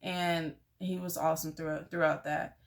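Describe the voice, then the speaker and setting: Vocal fry colors this young woman's low, level voice, delivered at normal speed. She vlogs a personal story for her viewers, talking candidly and casually with frequent fillers like "like" and "y'all."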